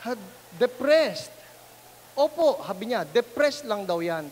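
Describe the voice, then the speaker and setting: A man's voice: extremely high pitch, big pitch swings, slow pace, a little mellow, long reverb tail, a little hiss or hum. A man preaching as a pastor, telling a story animatedly and acting out the people in it. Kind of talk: sermon storytelling.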